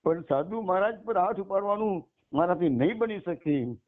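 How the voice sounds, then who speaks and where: A man's voice: high-pitched, lively intonation, moderate pace, pitched above the performer's own voice. A loyal old servant refuses his mistress with earnest, respectful words, as a male storyteller voices him. His voice sits a little above the teller's own. It comes over a tinny, phone-like line. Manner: pleading, then firm and respectful.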